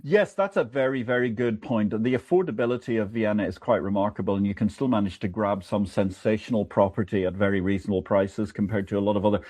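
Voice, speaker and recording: A man's voice: quick pace, hardly any pauses, dry recording. A man hosting a finance livestream, delivering opinionated market commentary and interviewing a guest in an emphatic, wry manner. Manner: animated, emphatic delivery with wide pitch swings. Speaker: livestream host. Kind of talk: finance show monologue and interview.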